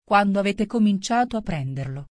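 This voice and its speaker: A woman's voice: medium pitch, lively intonation, a little fast, no room sound, clean studio sound, lightly acted. A woman voicing a fussy, anxious king presiding at a trial, giving formal commands. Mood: stern.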